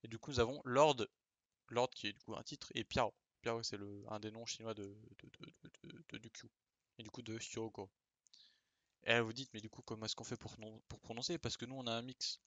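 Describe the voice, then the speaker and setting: A man talks through an explanation in an informal, chatty voice of middle pitch. He hesitates often and drops slangy asides. The sound is dry and close, with no room around it. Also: fairly even intonation, moderate pace, a bit bright, dry recording. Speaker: video creator explaining name pronunciation. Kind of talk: casual explainer.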